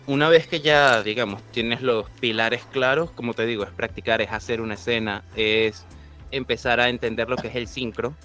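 A man with an ordinary mid-range voice talks through a casual podcast conversation. He explains calmly and patiently, and laughs easily. Faint music sits underneath. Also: medium pitch. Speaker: voice actor guest.

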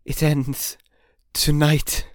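A man voicing a stern, sorrowful male spirit with a solemn way of speaking that rises into loud warnings, in an audiobook reading. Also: fairly high pitch, little pitch movement, very slow, no room sound, clean studio sound, voice pushed up.

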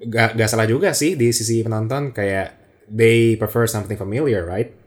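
A man's voice: lowish voice, normal speed. A young man with an Indonesian accent and a slightly slurred r, chatting casually about films as a co-host and mixing in English phrases. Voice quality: slurred r, a slight speech impediment. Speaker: podcast co-host.

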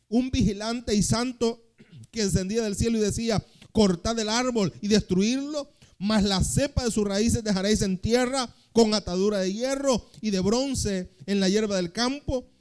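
Preaching a sermon, this young man swings from reading scripture loudly and slowly to telling stories quickly and quietly. He's a pastor with a voice that sits high.

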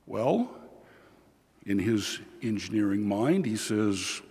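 A man serving as priest, reading the gospel and then preaching slowly and measuredly, his voice carried by a long cathedral-like echo in a large church. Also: on the low side, sing-song, a little mellow, husky. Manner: slow and measured, with frequent "uh" fillers in the homily. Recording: reverberant church hall.

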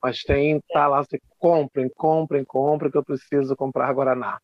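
A man, a guest author telling funny stories in an interview, animated, jumping into high put-on voices. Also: moderate pace, no echo. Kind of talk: storytelling interview chat. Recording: dull lo-fi dry sound.

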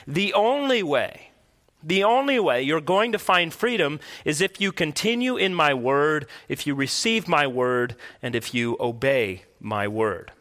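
A man's voice: a little high, pushed and bright. A man, a pastor, preaching a sermon earnestly and emphatically into a pulpit microphone in a church. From United States. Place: church sanctuary.

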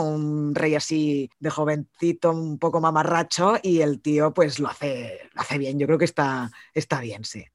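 A man's voice: dry recording, studio quality. A man with a Spanish accent co-hosting a casual film podcast, talking animatedly and swearing casually. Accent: Spanish from Spain. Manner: animated, swears casually, rants with rising pitch. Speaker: podcast co-host. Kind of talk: casual film review chat.

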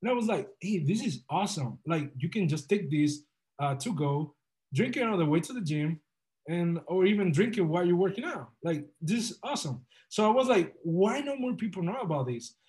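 A man's voice: sits high, lively intonation, a little fast, a little mellow. A young man from the Republic, telling his story as a podcast guest in an earnest, upbeat, motivational way. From Dominican Republic. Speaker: guest entrepreneur. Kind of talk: casual podcast interview.

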